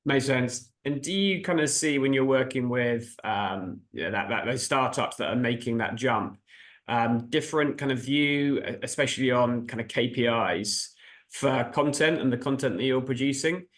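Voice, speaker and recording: A man's voice: mid-range voice, moderate pace, a bit bright. A man hosting a casual interview, feeling his way through loosely phrased questions. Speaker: host, interviewer.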